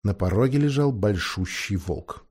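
A man narrating a fairy tale audiobook with expressive, dramatic storytelling. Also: on the low side, moderate pace, slightly rough.

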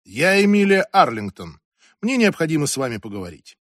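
A woman's voice: sits low, sing-song, fairly quick, no room sound, clean studio sound, voice pushed up. A man reading an audiobook and voicing a strict, imperious ex-senator in her eighties who talks in a commanding, impatient way. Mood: composed. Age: 80s. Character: strict imperious old woman, former senator.

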